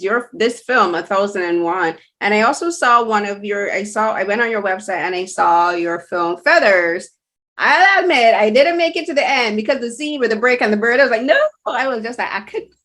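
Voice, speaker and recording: A woman's voice: on the high side, moderate pace, a bit bright. Chatty woman interviewer from Barbados. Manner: chatty, restarts and rephrases often. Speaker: interviewer host. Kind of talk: casual interview.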